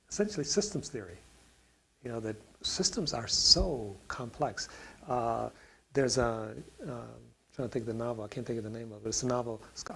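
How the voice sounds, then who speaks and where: A man's voice: medium pitch, slight background noise, low-quality recording. A man on a discussion panel answering a question, talking in a rambling way with many fillers and restarts.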